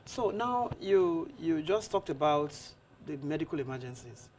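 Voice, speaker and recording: A woman with a Nigerian accent, a talk show host interviewing a guest in an animated way and telling personal stories. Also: deep voice, measured pace, a little hiss or hum.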